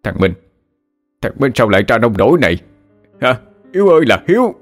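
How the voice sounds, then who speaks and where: A man's voice: mid-range voice, very animated, brisk, soft background music. A man voicing a grief-stricken older village father who sobs and cries out over his son. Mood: wailing grief. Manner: sobbing, voice rising into cries.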